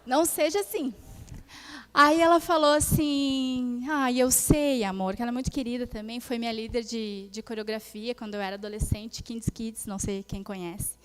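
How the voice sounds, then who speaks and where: A young woman minister with a high voice tells a personal testimony from the pulpit. She keeps it animated and speaks straight to her congregation, drawing them into the story. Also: normal speed, clean tone. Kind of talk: testimony in a sermon.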